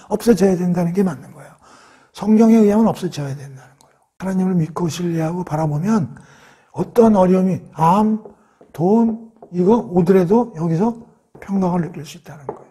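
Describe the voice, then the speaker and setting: A man teaching a Bible lesson in a lively storytelling way. His voice sits fairly high and has a husky edge. He keeps asking his listeners questions and then answers them himself. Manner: lively storytelling, acting out quoted lines. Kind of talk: Bible study lecture.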